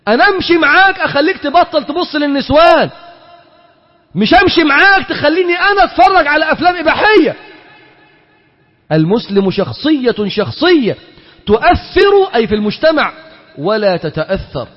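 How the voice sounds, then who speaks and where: A man's voice: very high voice, big pitch swings, a little fast. A man with an Egyptian accent preaching a sermon, firing rhetorical questions and acting out little dialogues. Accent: Egyptian Arabic. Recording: dull reverberant hall recording.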